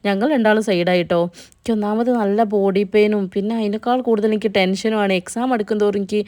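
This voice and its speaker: A woman's voice: medium pitch, fairly even intonation, fast, darkish tone. A young woman narrating her own vlog in a chatty, casual voice-over, talking straight to her viewers. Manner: chatty, addresses viewers directly. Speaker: vlogger narrating.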